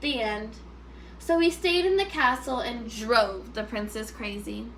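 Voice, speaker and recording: A woman teacher reads a story aloud to first graders, expressive and instructive, stopping to ask them questions. Her voice is fairly high, and the poor-quality audio carries a little hiss or hum.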